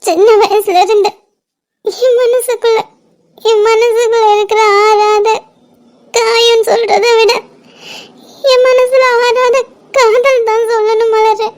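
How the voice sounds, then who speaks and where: A woman voicing Pinky, a very high sobbing cartoon girl. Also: little pitch movement, dark tone. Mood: tearful. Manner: sobbing, halting, keeps repeating her friend's name. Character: tearful young woman confessing long-held love.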